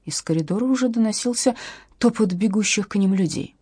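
Husky woman narrating an audiobook. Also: medium pitch, fairly quick, no room sound, clean studio sound. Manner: lively, expressive reading.

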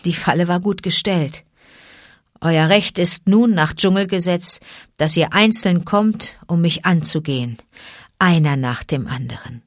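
A woman reading an audiobook, voicing a tired, dignified old male wolf addressing his pack in a measured way. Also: fairly low pitch, dry recording, studio quality. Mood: weary. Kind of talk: audiobook character voice.

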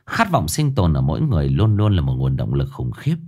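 A man narrating a dark thriller story in a measured, suspenseful way. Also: rumbling low, huge pitch swings.

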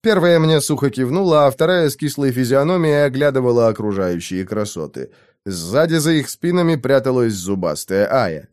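A man reading a first-person fantasy audiobook in a lively, expressive way. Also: mid-range voice, moderate pace. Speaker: audiobook narrator.

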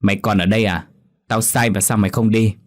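A bossy, scolding matriarch of a wealthy old household, as a male storyteller puts her on. The voice sits low and deep, with sharp commands to servants and firm comfort for her son. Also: steady tone, fairly quick, lightly acted. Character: stern middle-aged mother of a rich household.

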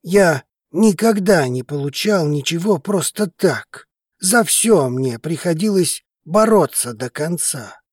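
A woman voicing a passionate, devoted male dragon-alien lover, speaking low, slow and hushed as he pleads. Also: expressive, breathy edge, dry recording, clean studio sound, exaggerated voice. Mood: pleading. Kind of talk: audiobook character reading.

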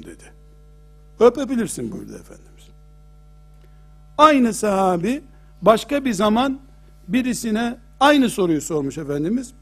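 Man, high voice, preaching sermon, emphatic, rhetorical questions. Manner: emphatic, rhetorical questions, retells hadith stories. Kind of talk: sermon lecture.

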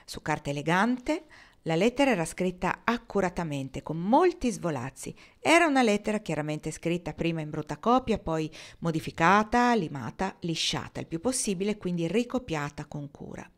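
A woman reads a novel aloud in a measured, expressive way. Her voice sits fairly low for a woman. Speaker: audiobook reader. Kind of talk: novel narration.

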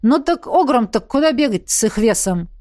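A woman reading the lines of a young male adventurer, brisk and mocking. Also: medium pitch, sing-song, a little mellow, dry recording, clean studio sound, close to an everyday voice. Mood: joking.

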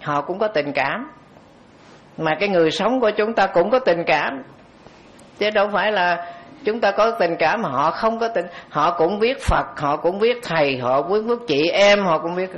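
A Buddhist monk tells a story during a dharma talk, his voice sitting a little high for a man. He talks conversationally and turns to the audience directly. The recording is dull and lo-fi. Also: animated, normal speed, fairly bright tone.

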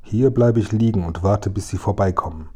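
A man voicing a gruff, greedy male robber who growls and mutters to himself in a storybook reading. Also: on the low side, normal speed, mellow. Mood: grumbling.

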